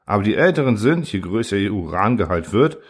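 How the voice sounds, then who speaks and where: A man voicing a huge, gentle old male alien in a storybook reading, speaking slowly and sorrowfully. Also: fairly low pitch, big pitch swings, slightly rough. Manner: sad, slow and brooding. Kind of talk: audiobook character voice.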